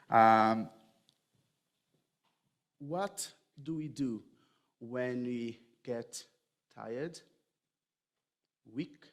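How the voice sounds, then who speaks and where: A man gives a church sermon and talks at an unhurried, deliberate pace. His pitch sits in an ordinary middle range, and his manner is chatty and jokey as he speaks straight to the people in front of him. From Brazil. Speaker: pastor.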